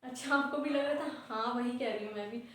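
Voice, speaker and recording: A woman's voice: fast talker, natural voice. A woman playing a weary female schoolteacher who chats and complains about her workload. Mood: complaining. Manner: chatty, complaining, sighs into low trailing remarks. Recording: very echoey room.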